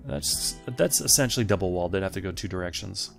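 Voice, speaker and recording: A man's voice: sits low, lively intonation, fast, gravelly. A man hosting a let's play, thinking aloud and chatting casually to the game's characters as he plays. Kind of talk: casual gameplay commentary. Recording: faint game music behind.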